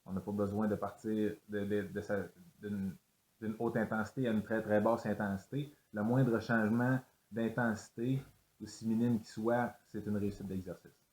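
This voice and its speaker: A man's voice: lowish voice, little pitch movement, moderate pace, a little mellow, roomy sound, slight background noise. A man explaining a sled dog exercise, hesitant with many fillers and restarts. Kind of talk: instructional explanation.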